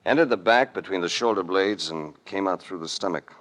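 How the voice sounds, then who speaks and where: In a vintage 1940s-50s radio detective drama, the lead actor and narrator plays a cool, commanding investigator, hard-boiled and shrewd. His male voice sits low and a bit bright, and his delivery is brisk, terse, authoritative and stern.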